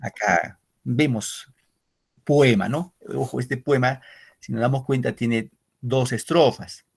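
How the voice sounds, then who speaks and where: A middle-aged man teaching literature online, with a gravelly, husky voice. He goes over each point more than once and keeps checking in with his students with a quick "¿no?" as he explains. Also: mid-range voice. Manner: explains with repetition and asks "¿no?" often; addresses pupils as "queridos muchachos". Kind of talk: online class lecture.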